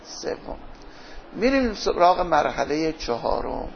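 Gravelly man lecturing in class. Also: sits high, sing-song, slight background noise. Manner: asks questions and answers them himself. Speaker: teacher. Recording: dull lo-fi lecture recording.

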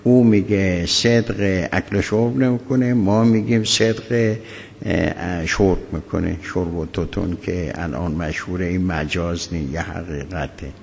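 A deep, gravelly man delivers a religious law lecture, measured and halting, often stopping mid-thought. His voice rings with a long hall echo over a faint hum of ambience. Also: darkish tone. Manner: measured, halting lecture with many pauses and fillers. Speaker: cleric teaching jurisprudence.

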